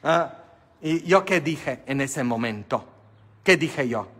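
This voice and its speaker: A man's voice: medium pitch, expressive, takes it slowly, a bit bright, husky. A priest whose first language is not Spanish, giving a humorous sermon and quizzing his congregation. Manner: joking, questioning the congregation. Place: church, live-streamed Mass. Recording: long church reverb.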